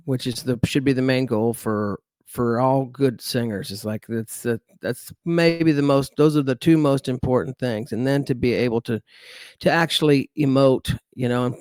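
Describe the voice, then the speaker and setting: Chatting casually as a guest musician in an interview, a middle-aged man from Dallas, Texas rambles with fillers and restarts in his Texan accent. The voice is medium-pitched and a little mellow, with no echo.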